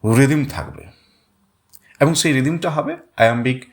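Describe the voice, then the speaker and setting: A man teaching a literature lesson, explaining step by step and repeating words to show where the stress falls. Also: mid-range voice. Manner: reads English quotations very slowly. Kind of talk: Bengali-language literature lesson.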